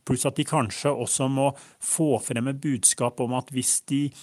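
A man's voice: mid-range voice, steady tone, darkish tone, no room sound. A man speaking as an expert researcher, explaining his views in unscripted interview answers. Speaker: media researcher being interviewed.

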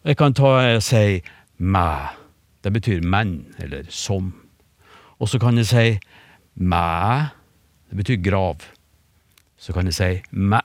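A low-voiced man talks through speech sounds in an unhurried, explanatory way, often pausing on fillers and restarting phrases. The studio sound is close and dry. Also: no room sound. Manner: relaxed, hesitant, many fillers and restarts. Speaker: phonetics expert. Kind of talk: explanatory radio conversation. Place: radio studio.

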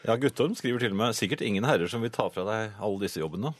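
A man's voice: on the low side, animated, slightly rough, dry recording, studio quality. A middle-aged man reading listener messages on radio in casual chat, hesitant with many filler sounds.

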